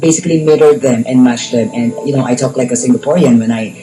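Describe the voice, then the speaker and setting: A Filipino woman with a very deep, fast voice answers radio interview questions in a studio, speaking as a life coach and therapist. She explains at length, using fillers and bits of Tagalog. The recording is rough, with music playing underneath.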